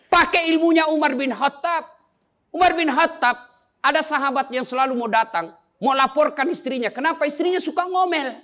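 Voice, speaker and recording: A man's voice: very high-pitched, bright, forceful tone. A man preaching a humorous sermon, joking with the crowd and quizzing them with questions. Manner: joking, chatty, quizzes the audience. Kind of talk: humorous sermon to a live audience.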